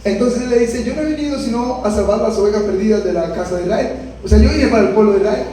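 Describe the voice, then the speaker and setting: High-voiced preaching man, echoey and distant. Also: quick pace. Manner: preaching with dramatic quoted voices and sudden shouts. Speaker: pastor. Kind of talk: sermon. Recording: echoey room, distant mic, faint noise.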